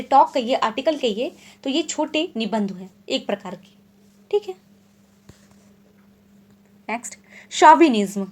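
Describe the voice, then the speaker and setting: A woman from India teaching English literature in an exam-prep lecture, explaining terms plainly and reading definitions slowly and deliberately. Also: high-pitched, a little mellow. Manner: checks in often with short confirming asides.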